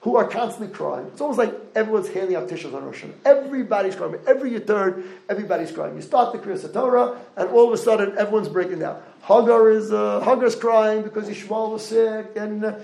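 Animated high-voiced man giving a Torah lecture. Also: fast talker, vocal fry, echoey room, low-quality recording. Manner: animated, rhetorical questions to the audience. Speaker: rabbi lecturer.

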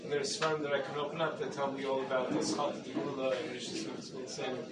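A man's voice: mid-range voice, level tone. Distant man asking from the audience. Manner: measured, thoughtful, mixes Hebrew terms into English. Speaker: questioner from the audience. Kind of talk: asking a question. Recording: distant, roomy mic with loud room noise.

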